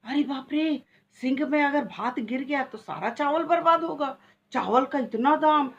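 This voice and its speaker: A woman's voice: high-pitched, unhurried. A middle-aged woman vlogger telling her story in a dramatic, lamenting way, full of exclamations. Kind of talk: dramatic personal monologue. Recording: dull lo-fi recording.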